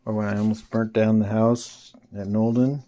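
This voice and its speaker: A man's voice: lowish voice, little pitch movement, unhurried, mellow. A man vlogging, telling a rambling story in casual talk and swearing often.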